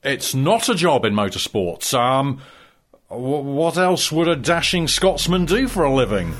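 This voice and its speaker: A man's voice: medium pitch, very animated, unhurried, fairly bright tone, voice pushed up. Man acting as eager, raised-voice sports interviewer. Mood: surprised, probing. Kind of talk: comedy sketch interview.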